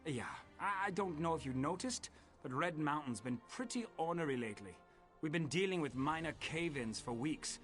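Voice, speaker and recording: Game NPC: gruff mine boss, grumbling and blunt, fairly high voice. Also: male voice, expressive, normal speed, a bit bright, soft background music. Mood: worried. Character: weary, gruff male mine foreman. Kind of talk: video game dialogue.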